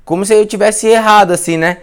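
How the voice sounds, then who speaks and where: A man's voice: sits high, fairly even intonation, fast, clean tone. A man with a Brazilian Portuguese accent, a physiotherapist recounting a clinical case in a live class, chatty and informal, repeating phrases and dropping slangy asides. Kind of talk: informal storytelling case lecture.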